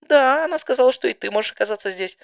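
A man voicing a shy, scatterbrained young mare mail pony, speaking hesitantly in a high, squeaky voice. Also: expressive, fast talker, vocal fry, clear, resonant tone, dry recording, studio quality, full character voice. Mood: flustered. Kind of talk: fan audiobook voice acting.

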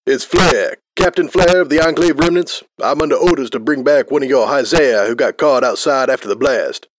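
A man's voice: mid-range voice, moderate pace, no room sound, close to an everyday voice. A man voicing a chatty male pony soldier captain who explains things in an offhand, rambling way. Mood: insistent.

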